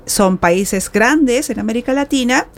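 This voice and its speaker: A woman's voice: fairly high pitch, animated, measured pace. A woman from Argentina hosting a casual chat, asking questions and musing openly. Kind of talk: casual conversation.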